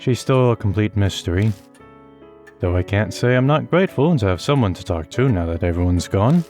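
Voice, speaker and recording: A man reading a horror visual novel aloud in steady first-person narration. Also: on the low side, normal speed. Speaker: let's play host. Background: faint game music.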